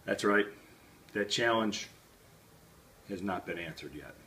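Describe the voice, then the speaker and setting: A middle-aged man delivering a wrestling promo as a pro wrestler, boastful and confrontational, with emphatic pauses. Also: fairly low pitch, pushed and bright. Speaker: professional wrestler. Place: small plain indoor room with a banner. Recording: faint background room noise.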